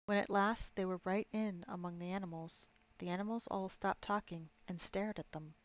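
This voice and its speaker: A woman reading a novel aloud on a live stream, in a measured, expressive storybook style. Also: lowish voice, highs cut off.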